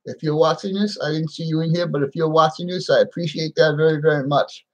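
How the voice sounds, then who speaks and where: A man speaking without his teeth in a halting, plain-spoken way, repeating himself as he chats casually on a live stream. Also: on the high side, steady tone, rough recording. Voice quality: toothless, slightly slurred speech without dentures. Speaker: livestream host.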